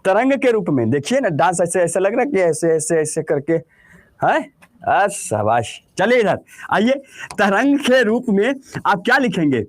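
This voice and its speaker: In a classroom lecture, a man with a Bihari Hindi accent keeps posing questions and answering them himself. His voice is high-pitched and very animated, though his pace is a little slow.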